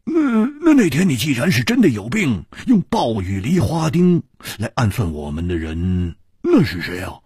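A man voicing a boisterous hard-drinking swordsman in a storytelling performance, stammering and excitable. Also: mid-range voice, moderate pace, few pauses, husky, no room sound, clean studio sound, pitched above the performer's own voice, heavily acted. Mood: boastful.

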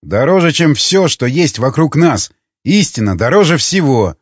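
A man reading an audiobook, voicing a cynical former jailer who argues in a mocking, quick way. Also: a little high, very animated, slightly rough, no room sound, muffled recording.

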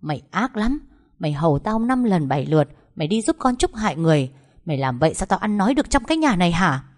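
A woman voicing a scheming, sharp-tongued sister-in-law who scolds servants. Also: lowish voice, very animated, quick pace. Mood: scolding. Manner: scolding, sneering.

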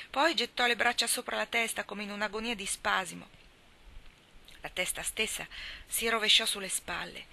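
A woman reading a novel aloud as a storyteller, softly, at times dropping to a whisper. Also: medium pitch, gravelly. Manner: soft, sometimes dropping to a whisper. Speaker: reader. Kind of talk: scripted narration.

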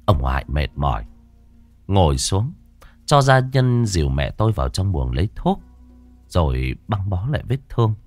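A man's voice: low-pitched, very animated, normal speed, a little mellow, soft background music. A man narrating a ghost story in a dramatic, emotive storytelling manner.

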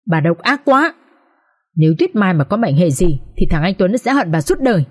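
A woman's voice: fairly low pitch, sing-song, normal speed, a little mellow, slightly rough. Woman reading a bitter, accusing husband in a storybook drama. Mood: angry. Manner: accusing outburst. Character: anguished angry older husband.

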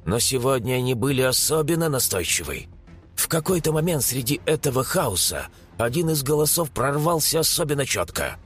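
A man giving animated, dramatic narration of a fantasy audiobook. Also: mid-range voice, fairly quick, soft background music.

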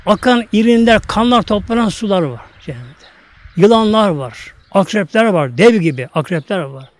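A man preaching a sermon to his congregation, emphatic, telling stories and drawing out Arabic verses slowly. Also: high voice, expressive. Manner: addresses congregation repeatedly. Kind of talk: sermon with storytelling.

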